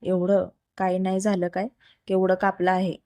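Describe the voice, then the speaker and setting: Bossy young husband scolding his wife, woman doing the voice, low flat tone, dark sound, audio storybook. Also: moderate pace, no room sound, lightly acted. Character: stern but caring young husband.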